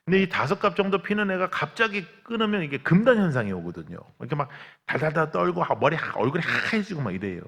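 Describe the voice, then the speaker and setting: A man's gravelly voice carries a revival sermon through a church sanctuary with a long reverb. He preaches as a pastor, acting out quotes and cries as he tells his stories. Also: on the high side, fast, hardly any pauses. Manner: animated storytelling, acts out quotes and cries.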